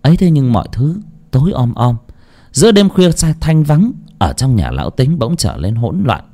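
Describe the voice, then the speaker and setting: A man narrating a horror story in a dramatic storytelling style. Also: moderate pace. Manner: expressive, sweeping pitch.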